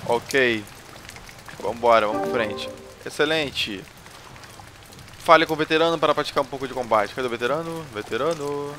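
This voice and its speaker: A man commenting on a game he is playing, reading out its dialogue and getting loud and excitable during fights, often swearing. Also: mid-range voice, moderate pace, pauses often, a little hiss or hum. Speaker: gaming YouTuber. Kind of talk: let's play commentary.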